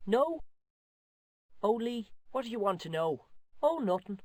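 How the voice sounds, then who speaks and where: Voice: mid-range voice, very animated, unhurried, darkish tone, no echo. An actor voicing a cheeky, scrappy Irish street boy in a video game, boastful and tough-talking, with an Irish accent. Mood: evasive. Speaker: game character.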